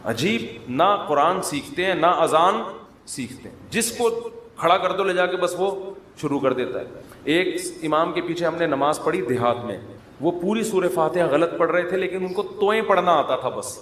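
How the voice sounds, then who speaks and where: A man giving a conversational religious talk as an Islamic scholar, mixing humor with teaching and mimicking drawn-out calls to prayer. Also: fairly high pitch, expressive, a bit bright, a little hiss or hum. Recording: echoey hall, faint ambience.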